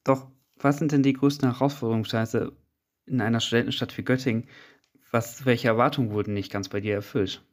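A man's voice: mid-range voice, steady tone, fast talker. A young man narrating a student radio feature, reading a script and putting interview questions.

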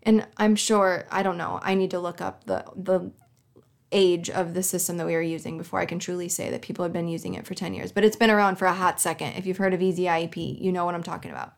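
A woman's voice: lowish voice, fairly even intonation, fast talker, vocal fry. A young adult woman hosting her own podcast, telling a long story in a casual monologue with heavy sarcasm and dramatic emphasis. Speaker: podcast host.

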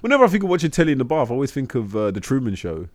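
A man's voice: mid-range voice, sing-song, very fast. A British man co-hosting a podcast with casual comic banter, joking in slangy, sweary language. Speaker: podcast co-host.

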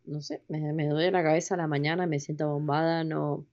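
A woman co-hosting a casual podcast chat, relaxed and agreeable, answering with short affirmations. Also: sits low, a little fast. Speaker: podcast co-host. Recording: dull lo-fi sound.

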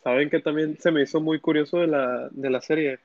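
A man's voice: a little high, steady tone, brisk, darkish tone, dry recording. Young man, dry lo-fi recording. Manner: rambling, restarts often, enthusiastic recaps. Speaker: podcast co-host. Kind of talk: casual chat. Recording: dry, dull lo-fi sound.

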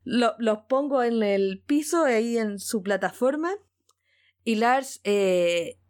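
Mujer de voz algo aguda, acento chileno, relato casual entusiasta y repetitivo. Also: female voice, on the high side, takes it slowly. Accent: Chilean Spanish. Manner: excited, repeats words, laughs often. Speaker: guest. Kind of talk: casual storytelling.

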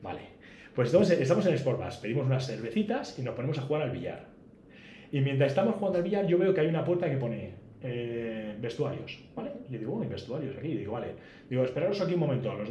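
A man tells travel stories at a quick clip, his voice swinging up and down as he acts out every exchange. The recording is roomy and echoey, with faint background noise. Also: medium pitch. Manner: animated storyteller, acts out dialogue. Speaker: podcast guest. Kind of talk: casual travel storytelling.

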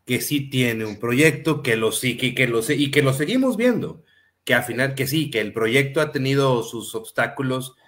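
Host: man with a middle-pitched voice, casual and agreeable, a few restarts. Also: animated, normal speed, fairly bright tone. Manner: agreeing, restarts mid-phrase. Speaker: podcast host. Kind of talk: casual interview chat.

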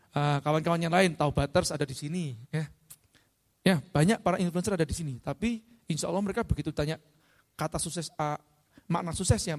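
High-pitched middle-aged man, lively motivational speaker quizzing the crowd, heard in a big reverberant hall. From Indonesia. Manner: lively, asks the audience questions. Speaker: speaker at an event. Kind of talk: motivational talk to a live audience. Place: large hall.

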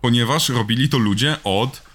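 A man co-hosting a podcast, chatting casually and playfully about a film, rambling and jokingly shouting out names. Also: mid-range voice, normal speed. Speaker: podcast co-host. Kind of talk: casual film-review chat.

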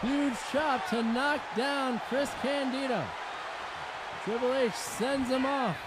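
A man doing an excited wrestling commentator, calling moves play-by-play in a punchy, emphatic, often shouting delivery. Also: very high voice, takes it slowly. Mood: punchy, focused. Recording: very noisy, loud crowd behind. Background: loud crowd noise.

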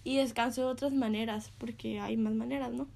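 A woman's voice: on the high side, steady tone, moderate pace, creaky, darkish tone. A young woman sharing a casual devotional talk, chatty and full of fillers, often laughing between phrases.

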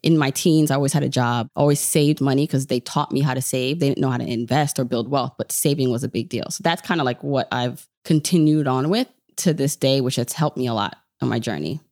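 A woman with an extremely low, slightly mellow voice talks a little fast, hardly pausing, in a studio-quality recording free of room sound. In her 30s, she was born in Jamaica, grew up in New York, and hosts a personal finance podcast. Here she's an interview guest, casually spinning stories and quoting her own self-talk.

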